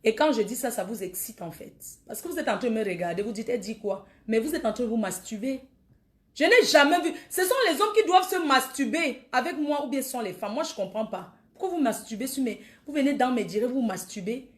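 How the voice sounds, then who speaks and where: A woman's voice: on the high side, animated, brisk. A woman, ranting defiantly and taunting her critics on a Facebook live video. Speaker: social media livestreamer.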